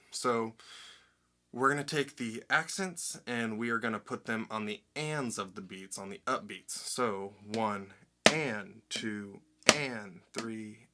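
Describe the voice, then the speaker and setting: Upbeat drum teacher, low bright voice. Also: male voice. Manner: upbeat, explains step by step, counts beats aloud. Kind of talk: instructional lesson.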